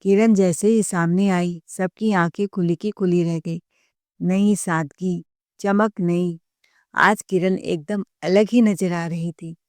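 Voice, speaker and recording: A woman narrating a family story in a steady, plain reading voice. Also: fairly low pitch, takes it slowly, dry recording.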